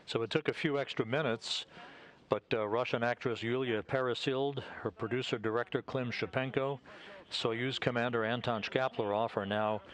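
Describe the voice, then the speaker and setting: A man's voice: medium pitch, steady tone, normal speed, a bit bright. Man giving live spaceflight commentary. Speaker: mission control commentator.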